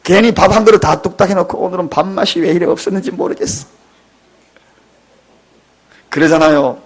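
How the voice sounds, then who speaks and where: A man in his fifties, a pastor preaching a sermon in a church, dramatic and emotional, with sudden loud outbursts and tearful cries. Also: high voice, fairly quick, breathy edge. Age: 50s. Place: church sanctuary.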